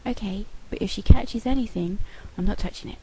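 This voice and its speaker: A woman's voice: medium pitch, brisk, noisy background, natural voice. A woman voicing a nervous, squeamish little boy in a storybook reading. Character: timid, sleepy little boy.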